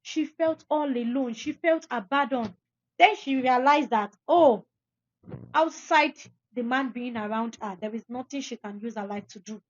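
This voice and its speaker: Speaking to her listeners, a young female podcast host delivers forceful, preachy advice, repeating phrases to drive points home. Her voice is high, and the recording is muffled with no room sound.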